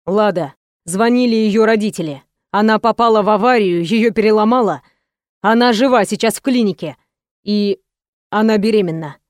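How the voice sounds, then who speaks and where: A woman's voice: medium pitch, moderate pace, no room sound, studio quality, natural voice. A woman voicing a worried middle-aged father calling with urgent news in an audiobook, blunt and direct.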